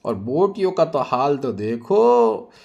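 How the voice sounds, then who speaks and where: A man voicing a loud, rude and boastful woman who scolds and taunts everyone in a storybook tale. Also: fairly high pitch, very animated, takes it slowly, gravelly, lo-fi sound, pitched above the performer's own voice, heavily acted. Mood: taunting.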